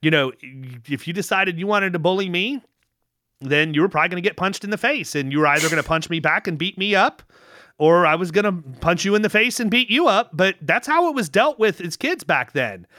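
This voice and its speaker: A middle-aged man with a somewhat high, bright and forceful voice talks casually, spinning rambling anecdotes full of restarts. His voice is recorded close and dry, with no room sound. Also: brisk, no room sound. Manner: rambling, anecdotal, with restarts and lively quoted dialogue. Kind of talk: casual conversational storytelling.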